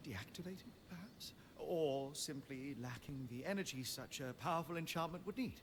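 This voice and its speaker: A man's voice: on the high side, moderate pace, natural voice. An actor playing an eager, scholarly male mage in a video game, speaking in a dreamy, wistful way that trips over itself when flustered. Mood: musing. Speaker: game character. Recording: game audio with noise behind.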